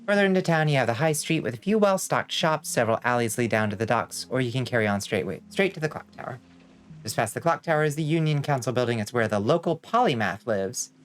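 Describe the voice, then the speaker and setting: A man's voice: medium pitch, animated, fast, close to an everyday voice. Man doing a stately, pompous fantasy town guard. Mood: stately, helpful. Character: stiff, pompous town guard addressing peasants. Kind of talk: fantasy video game character read aloud.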